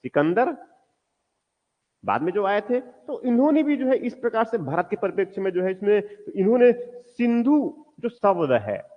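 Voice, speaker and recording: A male teacher giving a history lecture in a classroom, asking the class questions and answering them himself, often repeating key words slowly for stress. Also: high-pitched, very animated, long reverb tail, dull audio.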